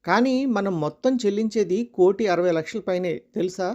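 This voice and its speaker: A calm middle-aged husband close to retirement, who reasons things out in a measured way, as the storyteller voices him. He sounds close to the reader's own everyday voice. This is storybook dialogue. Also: medium pitch, lo-fi sound, close to an everyday voice.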